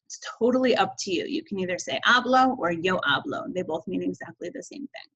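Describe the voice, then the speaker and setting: A woman's voice: on the low side, animated, brisk, a bit bright, husky, lo-fi sound. A woman teaching Spanish verb conjugation in a recorded video lesson, upbeat and encouraging, chanting endings.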